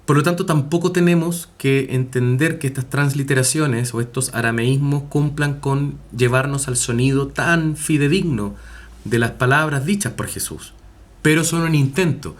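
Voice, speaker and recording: A man's voice: mid-range voice, normal speed. Hesitant male lecturer. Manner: hesitant, many fillers and self-corrections; asks rhetorical tag questions. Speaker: university lecturer. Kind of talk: recorded online class lecture.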